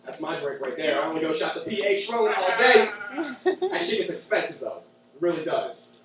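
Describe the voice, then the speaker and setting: A man's voice: a little high, sing-song, brisk, over a noisy crowd. A young man doing a stand-up comedy set in a club, telling crude, sarcastic stories. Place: club with audience. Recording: echoey room from far off.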